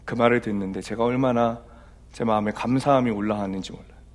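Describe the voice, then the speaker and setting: Middle-aged man, senior pastor; conversational sermon with personal stories, soft asides and loud emphatic peaks. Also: medium pitch, steady tone, fast talker.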